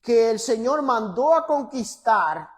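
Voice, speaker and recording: A male pastor, preaching a sermon to a congregation. He moves from loud, emphatic scripture reading to quiet, teasing asides. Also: very high-pitched, sing-song, slow pace. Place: church before a congregation.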